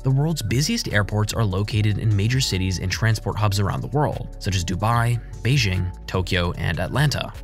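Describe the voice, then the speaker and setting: A man with a fairly low voice narrates a scripted explainer in a measured, formal style like a documentary narrator. Faint background music plays behind him.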